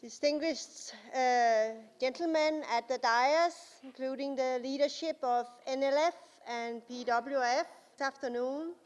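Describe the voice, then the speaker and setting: A Danish guest speaker, a woman with a Danish accent, delivers a formal speech in a large conference hall. Her voice is fairly high and her pace slow and careful, broken by frequent pauses and small fillers. Long reverb trails after each phrase.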